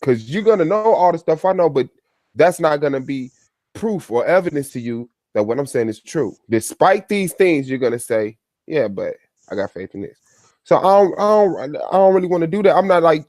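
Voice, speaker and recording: A man hosting a casual online panel chat, blunt and animated, swearing freely. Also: fairly high pitch, fairly quick, dry recording.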